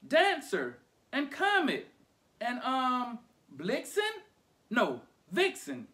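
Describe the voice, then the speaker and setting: A man's voice: extremely high pitch, huge pitch swings, very slow, fairly bright tone, pitched above the performer's own voice, full character voice. A man voicing a small, eager boy in a read-aloud storybook, listing names with earnest hesitation.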